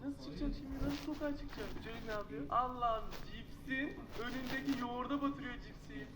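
A man's voice: extremely high pitch, steady tone, a little fast, a loud crowd, low-quality recording. A young man casually commenting on funny videos as a reaction host, exclaiming and laughing often with slangy remarks. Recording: heavy background noise.

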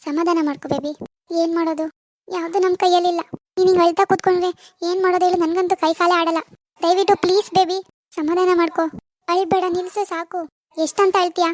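A woman's voice: extremely high pitch, fairly even intonation, fast, no room sound, clean studio sound. A woman voicing a worried middle-aged mother in a cartoon, soothing and pleading with her daughter. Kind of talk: cartoon voice acting.

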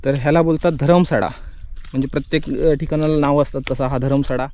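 A young man, vlogging in casual chat outdoors on a rural plateau, addressing viewers directly and often dropping to a soft murmur. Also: on the high side, steady tone, a little fast. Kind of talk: casual outdoor vlog narration. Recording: dull, muffled outdoor audio with faint nature noise.

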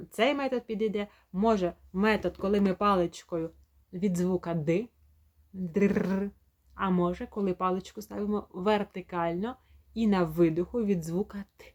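A woman speech therapist giving a home lesson, explaining calmly and demonstrating sounds slowly and clearly. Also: mid-range voice.

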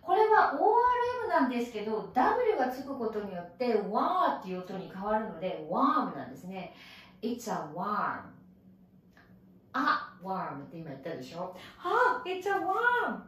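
A woman English teacher with a Japanese accent, giving an animated recorded lesson with playful sound effects. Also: mid-range voice, quick pace, hardly any pauses. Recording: echoey room from far off.

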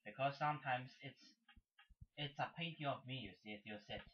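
This young adult from Shanghai, China, a native Mandarin speaker and amateur painter, shows his work to the camera in a loose, rambling way, his broken English halting, repetitive and Chinese-accented. He speaks at a medium pitch from a small room indoors, captured with dull, lo-fi webcam sound.

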